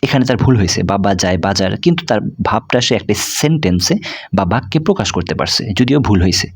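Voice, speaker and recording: A man's voice: lowish voice, animated, fairly quick, husky. A man teaching an explanatory video lesson, patiently walking through points, mixing in English terms and asking rhetorical questions.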